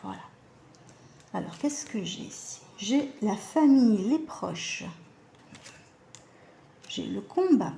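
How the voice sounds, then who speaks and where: A woman's voice: medium pitch, lively intonation, slow pace, creaky, pauses often, warm tone, reverberant, slight background noise. A woman giving a casual card-reading guidance, chatty and hesitant with many fillers and self-corrections. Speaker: animal communication card reader.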